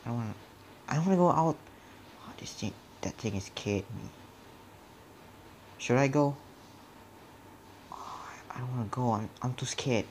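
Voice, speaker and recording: A man's voice: medium pitch, expressive, moderate pace, long pauses, slight background noise. A man playing a horror game and commenting on it, jumpy and nervous, often dropping to a whisper and muttering mild curses to himself. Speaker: gamer. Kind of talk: horror let's play commentary.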